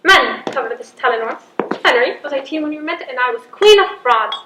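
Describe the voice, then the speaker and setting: Actress as a high-voiced, cunning older queen. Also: lively intonation, fairly quick. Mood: wistful, bitter. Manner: grand, wry, manipulative. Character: proud, cunning older imprisoned queen and mother. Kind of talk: theatrical period drama monologue and dialogue. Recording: echoey room, audible background noise.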